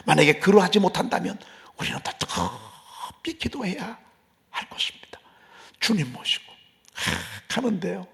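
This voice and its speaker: A man preaching an early-morning sermon in a church, impassioned, moving between loud cries and hushed whispers. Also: sits high, sing-song, moderate pace, creaky. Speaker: pastor. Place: church sanctuary.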